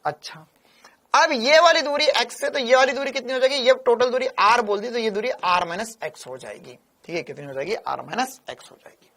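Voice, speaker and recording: A man teaching a physics lecture in an animated, teasing way, repeating key lines. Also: very high-pitched, brisk. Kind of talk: classroom lecture.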